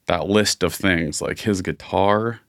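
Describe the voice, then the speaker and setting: A man's voice: low voice, slow pace, no room sound, studio quality. A man co-hosting a podcast, chatting casually and a bit rambly, with lots of "like" fillers. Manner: rambling, many "like" fillers, enthusiastic. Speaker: podcast co-host. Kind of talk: casual chat.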